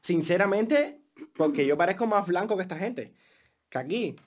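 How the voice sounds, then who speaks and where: A man's voice: high-pitched, lively intonation, normal speed. A young man from Latin America co-hosting a podcast, casual and emphatic as he argues his points. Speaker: podcast co-host. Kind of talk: casual chat.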